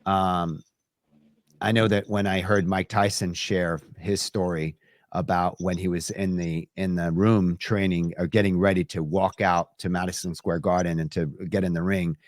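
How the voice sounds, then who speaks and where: A man hosting an interview, asking measured questions and murmuring agreement. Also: sits low, level tone, dry recording, clean studio sound. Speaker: interview host. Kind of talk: conversational interview.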